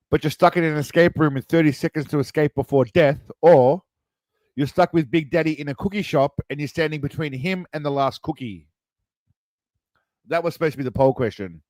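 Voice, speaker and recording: Running a casual livestream quiz, a streamer who's tipsy and says he's wasted rambles, swears and reads out the answer options. He has a fairly high, darkish voice, with no room sound.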